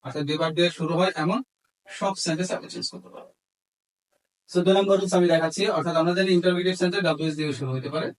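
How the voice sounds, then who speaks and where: Very fast and steady, a man with a high voice and a Bangladeshi accent explains a lesson one step at a time. He dictates piece by piece and mixes Bengali with English terms, recorded with poor audio.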